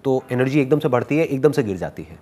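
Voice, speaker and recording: A man speaking at a medium pitch, with a lively, swinging intonation. He gives motivational life advice to an audience and answers their questions. He teases his questioners playfully and drops English phrases into his Hindi. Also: fast. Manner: animated and teasing, mixes English phrases into Hindi. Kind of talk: motivational talk with live Q&A.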